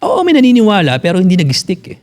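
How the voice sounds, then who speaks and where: A man's voice: high-pitched, huge pitch swings, fast talker, darkish tone. A Filipino physical therapist in his forties, talking bluntly in a casual podcast conversation, swearing freely and mixing in English. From Philippines.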